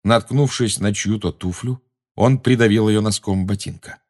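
A man reading a fantasy novel aloud in steady, measured dramatic audiobook narration. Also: fairly low pitch.

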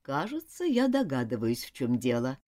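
A woman voicing a calm, dry governess who speaks lower and quietly, unbothered. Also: normal speed. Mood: cool. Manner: cool and unbothered.

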